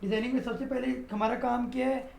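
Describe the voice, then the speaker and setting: A man with a fairly high, gravelly voice walks through a software tutorial one click at a time. He explains each step plainly in a teacherly way, tossing in "भाई" as he goes. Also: steady tone, fast, slight background noise. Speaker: web design instructor. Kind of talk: screen-recorded software tutorial.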